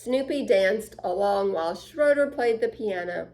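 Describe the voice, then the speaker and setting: This story-time reader has a mid-range voice and takes things a little slowly. Reading a picture book to children, she swings dramatically from hushed to excited and slips in small remarks to her audience.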